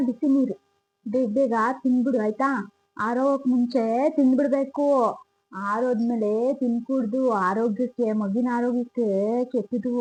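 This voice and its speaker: A woman's voice: high-pitched, mellow, slightly rough, lo-fi sound. A woman playing a strict, bossy old grandmother, scolding in a comedy sketch. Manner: scolding, insistent, old-fashioned advice.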